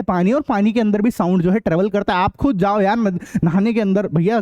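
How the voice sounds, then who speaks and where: A young male teacher gives a lively, joking science lecture. His voice sits high for a man, and he breaks into drum and bell sounds and acts out little voices as he explains. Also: highs cut off. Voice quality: playful, imitates sounds and voices. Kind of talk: lively classroom lecture with jokes and sound effects.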